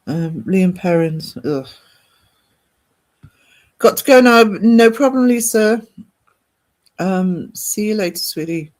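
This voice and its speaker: This livestream host, a man from northern England with a British accent, speaks slowly with frequent pauses in a high, animated voice. He rambles casually with his viewers, reading their comments aloud and responding.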